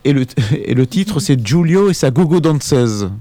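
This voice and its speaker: A man presenting a relaxed, conversational radio music segment as columnist. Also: on the high side, normal speed, no room sound. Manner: relaxed, conversational, ends phrases with tag words. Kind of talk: radio music segment, casual studio chat.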